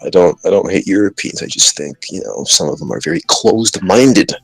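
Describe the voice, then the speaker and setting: A man's voice: deep voice, animated, fairly quick, creaky, no echo, soft background music, rough recording. A man hosting a podcast, joking and rambling in casual banter. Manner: joking, rambling, trash-talking. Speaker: podcast host.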